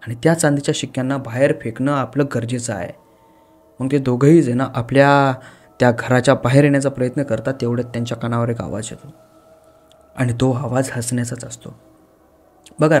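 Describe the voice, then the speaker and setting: A man tells a horror story conversationally, frequently addressing the listener directly. His voice is mid-range with a darkish tone.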